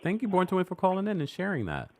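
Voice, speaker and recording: Male host, relaxed and laughing, lively pitch, brief replies. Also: quick pace. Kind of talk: call-in recap show.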